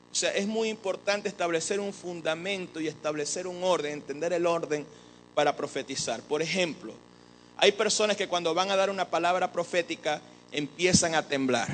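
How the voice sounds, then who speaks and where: A man preaching a sermon as an apostle, animated and joking with the congregation. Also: fairly high pitch, a little hiss or hum, low-quality recording. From Venezuela. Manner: animated, joking with the congregation, mimics others' voices.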